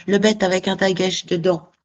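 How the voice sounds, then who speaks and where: A woman student answering a teacher's question in a class, hesitant and halting. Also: medium pitch, fairly even intonation.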